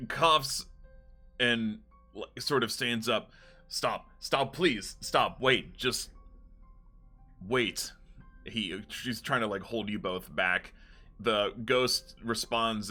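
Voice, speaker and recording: A man running a tabletop game as game master, narrating scenes in a relaxed, storytelling way. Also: mid-range voice.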